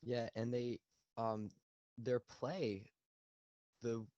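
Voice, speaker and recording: A man's voice: medium pitch, little pitch movement, drawn-out words, darkish tone, dry recording. Rambling young man on a lo-fi mic. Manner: rambling, many fillers and restarts. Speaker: podcast co-host. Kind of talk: casual sports analysis. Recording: dull lo-fi dry sound.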